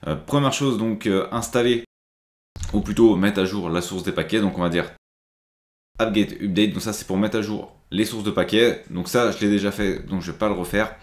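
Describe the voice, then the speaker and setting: Guy walking through linux commands, lots of uhs, low voice, echoey room, typing behind. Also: moderate pace. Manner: steady explanatory, frequent hesitations. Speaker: IT tutorial presenter. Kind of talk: screen-recorded tech tutorial.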